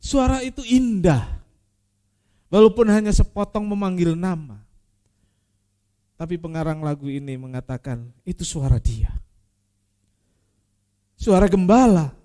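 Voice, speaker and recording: Animated man preaching a sermon. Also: a little high. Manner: animated preaching with sudden swings from loud emphasis to quiet; repeats key phrases for emphasis. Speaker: pastor.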